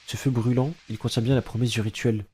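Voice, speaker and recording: A man's voice: mid-range voice, level tone, fast talker, dark tone, breathy edge, natural voice. Grimm, a man reading as a grandiose troupe master. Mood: theatrical. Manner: grandiose, theatrical reading of game dialogue. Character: suave theatrical insect troupe master.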